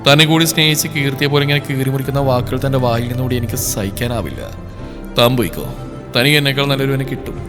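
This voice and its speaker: A man voicing a grim, wounded young husband who talks softly and quietly, choked with sorrow, over a long reverb and faint music. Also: mid-range voice, quick pace, lightly acted. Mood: sorrowful.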